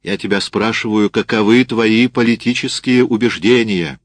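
A man acting out a gruff sergeant who barks every question, voice pushed up high and hard. The delivery is clipped and dry, with no room around it. It sounds like a storybook reading. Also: normal speed, dry recording, natural voice. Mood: barking. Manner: barking, demanding. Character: gruff loud male army sergeant.

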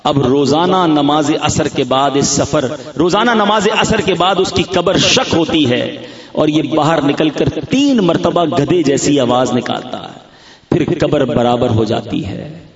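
A man from Pakistan delivering a fervent sermon with a high, carrying voice. He tells stories and acts out their dialogues for a large gathering. The recording is roomy and a little dull, like a broadcast. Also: expressive. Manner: fervent, addresses listeners as brothers, acts out dialogues. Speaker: preacher at a religious gathering. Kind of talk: emotional sermon with storytelling. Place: large gathering near a graveyard.

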